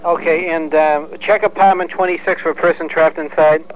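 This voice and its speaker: Fire dispatcher, higher-voiced man on urgent radio. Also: steady tone, low-quality recording. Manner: brisk, procedural, repeats orders back. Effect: two-way radio. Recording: archival fire department radio recording.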